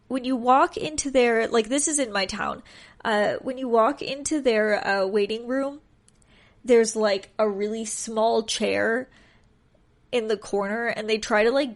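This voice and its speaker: A woman hosting a casual solo podcast, chatty and joking, sounding congested and nasal as if pinching her nose. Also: mid-range voice. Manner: chatty, joking, self-deprecating. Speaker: podcast host.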